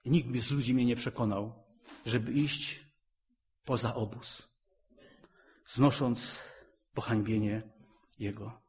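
A middle-aged man preaching a sermon, fervent and rhythmic, repeating phrases and rising to loud emphatic peaks. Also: mid-range voice, steady tone, slow, long pauses.

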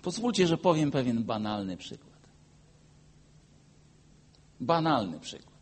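A pastor delivers a sermon and shares a personal story, swinging from loud, emphatic peaks to quiet, low asides. His delivery is sing-song and measured, with a breathy edge.

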